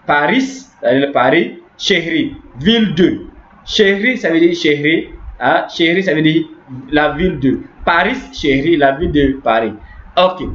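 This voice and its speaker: Male teacher, slightly high voice, patient and repetitive, lo-fi recording. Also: lively intonation, measured pace, a bit bright. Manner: repetitive, explaining step by step with frequent "n'est-ce pas". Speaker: language teacher. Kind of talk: online grammar lesson. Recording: echoey room, dull lo-fi sound.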